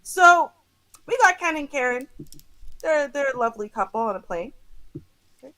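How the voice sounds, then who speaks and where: Animated high-pitched woman host. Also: normal speed, rough recording. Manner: animated, mimics people with exaggerated voices, laughs often. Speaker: show host. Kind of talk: casual reaction commentary.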